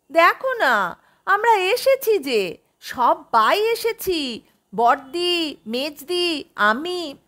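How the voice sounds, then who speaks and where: Rich: A gentle grown daughter in an audio story, coaxing and tender, as a woman narrator voices her. The delivery is slow and unhurried, high and bright. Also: exaggerated voice. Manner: soft, coaxing. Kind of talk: audiobook character voice.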